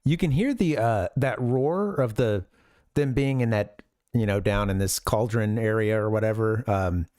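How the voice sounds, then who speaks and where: A man's voice: on the low side, moderate pace, darkish tone, dry recording, studio quality. A man hosting a live stream, casually commenting on an old demo video, often restarting his sentences and chuckling. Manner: rambling, self-interrupting, chuckling. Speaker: streamer host.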